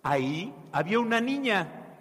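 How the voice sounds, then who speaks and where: Animated priest telling children a story. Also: male voice, sits high, measured pace. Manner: animated, asks children questions, call and response. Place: church. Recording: echoey church hall.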